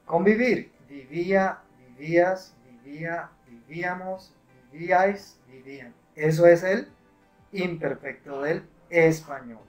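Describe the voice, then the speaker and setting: A man's voice: on the high side, slow pace, soft background music. A man giving a patient grammar lesson, often checking with short questions. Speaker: English teacher.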